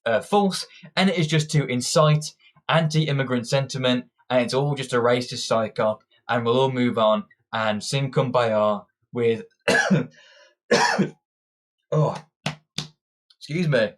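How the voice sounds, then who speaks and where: Slow-paced, with long pauses and a medium pitch, this young British political commentator gives an opinionated monologue. He's combative and ranting, and he frequently restarts his sentences.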